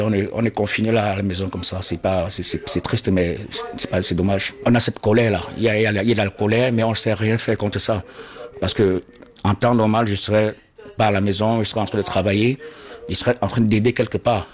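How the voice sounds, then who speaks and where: A man from Cameroon, interviewed about his situation, speaking earnestly and haltingly, often repeating words as he searches for them. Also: on the low side, steady tone, a little mellow. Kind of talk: interview testimony.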